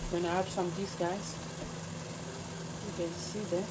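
A woman's voice: fairly low pitch, little pitch movement, unhurried, heavy background noise. A woman with chatting casually to her viewers as she cooks at home, calling them "guys". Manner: chatty, talks to viewers as "guys", non-native English. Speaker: home cooking channel host. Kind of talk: casual cooking narration. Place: home kitchen at the stove. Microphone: camera pointed at the pot, speaker off-screen. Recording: loud kitchen sizzle. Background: loud sizzling and frying.

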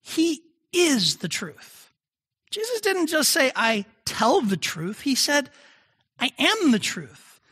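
A man's voice: very high-pitched, huge pitch swings, takes it slowly, pushed and bright. A male pastor giving a conversational sermon, often asking the congregation questions.

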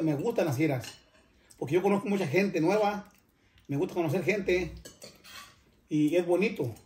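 A man's voice: high voice, a little mellow. An older man, hosting a cooking channel and chatting casually to viewers in a rambling way that often stops and restarts. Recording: roomy, echoey room.

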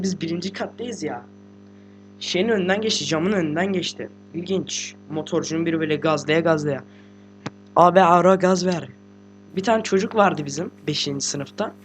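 A teenage boy, a gaming host, giving casual let's-play commentary while sick and talking quietly, chatty, slangy and joking with swearing. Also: high voice, slight background noise. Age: teens. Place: room at home with a computer.

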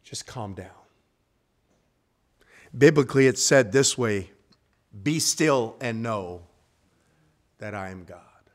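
A man preaching a sermon in a church, quoting old King James scripture and asking the congregation questions, dropping from loud to hushed. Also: medium pitch, animated, slow pace, long pauses. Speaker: guest preacher. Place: church sanctuary.

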